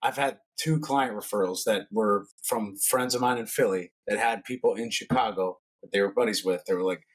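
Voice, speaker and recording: A man's voice: on the low side, slightly rough. A man, a personal trainer and podcast guest, telling stories in a loose, slangy, casual way. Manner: fast, loose, slangy storytelling.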